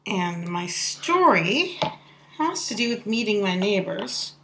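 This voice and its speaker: A woman's voice: mid-range voice, big pitch swings, slow pace, pushed and bright, a little hiss or hum. A woman telling a funny story in a casual, chatty voice-over, laughing often as she talks. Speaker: soap maker telling a story.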